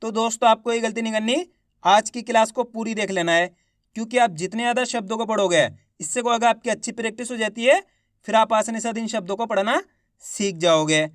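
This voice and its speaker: A man teaching children to read, sounding out each syllable slowly and then drawing out the whole word, while encouraging his viewers. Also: sits high, no room sound, clean studio sound. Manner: encouraging, addresses viewers as friends. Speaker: Hindi reading teacher. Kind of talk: online reading lesson.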